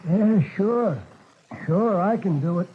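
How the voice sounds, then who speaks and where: An actor playing a slow, simple-minded man set on guard duty, in a 1940s radio drama. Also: sits high, slight background noise. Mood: eager. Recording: tinny old radio broadcast.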